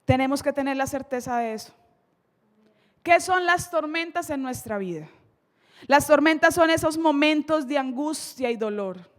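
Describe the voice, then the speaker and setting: High-voiced Colombian woman preacher. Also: lively intonation, in a large hall. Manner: emphatic, dramatic storytelling, slows for key lines. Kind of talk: sermon. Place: church.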